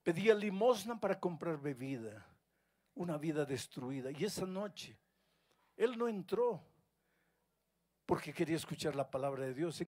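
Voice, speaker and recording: A man's voice: animated, moderate pace, pauses often. Man preaching a dramatic story sermon. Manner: dramatic storytelling, loud rising peaks then soft low drops. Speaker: pastor. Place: live university event.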